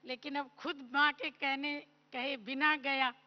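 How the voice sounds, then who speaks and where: A woman giving a devotional sermon, telling stories slowly and gently and acting out the people she quotes. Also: sits high, little pitch movement. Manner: slow, gentle, storytelling with acted quotes. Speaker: spiritual teacher. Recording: dull lo-fi recording in a large hall.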